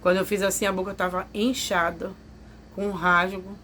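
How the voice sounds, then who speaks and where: Her medium-pitched voice is a bit bright, moves little in pitch, and keeps a normal speed as she vlogs a personal story. Emotional and confiding, she voices others' remarks, with slight hiss or hum present.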